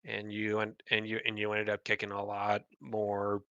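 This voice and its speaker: A man's voice: lowish voice, monotone, moderate pace, bright, forceful tone, clean tone, no echo, highs cut off. Man doing a stammering, flustered airship officer. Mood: defensive. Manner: stammering, apologetic, many restarts.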